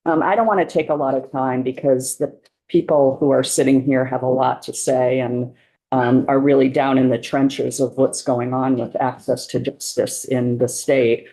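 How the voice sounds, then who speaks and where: A woman's voice: a bass voice, fairly even intonation, mellow. Woman testifying with a cough drop. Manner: measured, lots of "um" pauses. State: speaking around a cough drop. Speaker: witness testifying. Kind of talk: committee testimony. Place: legislative committee room.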